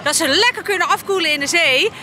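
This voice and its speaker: A woman working as a warm-up instructor, interviewed outdoors on a windy beach into a handheld microphone. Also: extremely high pitch, quick pace. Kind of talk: on-the-spot interview. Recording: faint outdoor noise.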